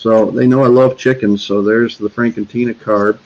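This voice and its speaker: A man's voice: lowish voice, fairly even intonation, normal speed, darkish tone. A man hosting a homesteading livestream, chatting casually with lots of fillers and restarts while reading out holiday cards. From Northeast Florida. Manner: rambling, many fillers and restarts. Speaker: homesteading channel host. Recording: slightly dull lo-fi sound.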